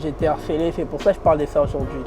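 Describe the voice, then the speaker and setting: Rapid-fire and steady in tone, a young non-native French speaker with a high, bright, accented voice is interviewed casually in a limousine as clear music plays. He leans on street slang, circles back over his phrases and keeps laughing.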